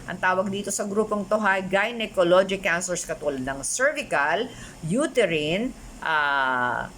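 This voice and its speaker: A middle-aged woman from the Philippines giving a health talk to her viewers, chatty, switching often into English and full of animated asides. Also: medium pitch, slight background noise. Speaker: health vlogger. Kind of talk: casual talk to camera.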